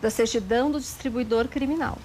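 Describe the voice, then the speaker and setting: A Brazilian woman lawyer calmly explaining legal procedures step by step as an interview guest. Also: a little high, a little fast, a little hiss or hum, low-quality recording. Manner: calm, methodical, precise explanations.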